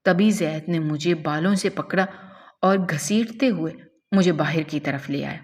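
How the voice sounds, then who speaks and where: Woman narrating a dramatic story, low voice. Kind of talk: scripted first-person story narration.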